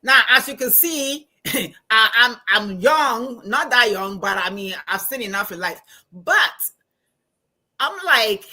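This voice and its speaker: A woman from Ghana with a Ghanaian accent, a guest telling stories in an animated, emphatic way in a casual podcast interview over a call. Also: on the high side, slow pace. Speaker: guest, anthropology professor and financial coach.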